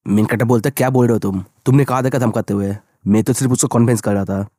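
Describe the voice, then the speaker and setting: Male recap narrator, fast, mellow dark tone, dry close voice-over. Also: medium pitch, steady tone, dry recording. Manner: rapid, plain retelling of dialogue. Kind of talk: storytelling recap, voicing all characters in the same voice.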